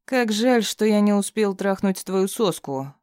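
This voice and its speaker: A man doing a high, sneering bound thug. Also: animated, measured pace, a little mellow, smooth, no echo, clean studio sound. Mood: taunting. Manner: taunting, crude, mocking. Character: vicious sneering male thug, bound and bloodied.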